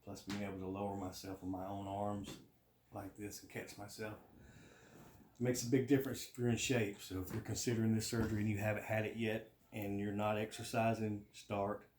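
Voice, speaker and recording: A man's voice: lowish voice, little pitch movement, fairly quick, a little mellow. A man chatting casually to camera in a plain-spoken, matter-of-fact way, as in a personal vlog update. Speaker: vlogger giving a surgery recovery update. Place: indoors at home. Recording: roomy home echo with faint noise.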